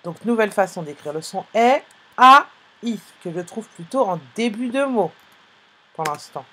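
A woman teaching a phonics lesson to young pupils over a live online class, speaking slowly and clearly, spelling out sounds and letters with patience. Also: mid-range voice, lively intonation, fairly bright tone.

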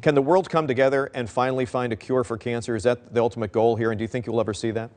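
Fast-talking male news anchor. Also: medium pitch, fairly even intonation, a little mellow. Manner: brisk, friendly questioning. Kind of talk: studio news interview. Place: TV studio.

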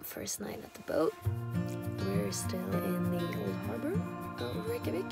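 A woman's voice: fairly low pitch, wildly swooping pitch, unhurried, vocal fry. A young woman chatting casually into her phone aboard a sailing boat, upbeat, with frequent fillers. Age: young adult. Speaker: vlogger. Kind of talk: casual travel vlog. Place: sailing boat, cabin and open deck. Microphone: phone at arm's length. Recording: music playing underneath.

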